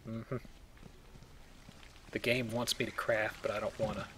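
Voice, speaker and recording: The gamer in this let's play has a lowish, slightly bright voice and speaks a little slowly with flat delivery, offering casual, wry commentary as he plays. Behind him are game ambience and faint noise.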